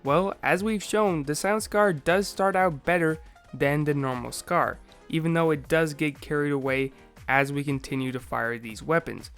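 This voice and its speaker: A man with a slightly raspy voice, recovering from a sore throat, methodically narrating a scripted video game explainer. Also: fairly high pitch, normal speed, a bit bright, faint music behind.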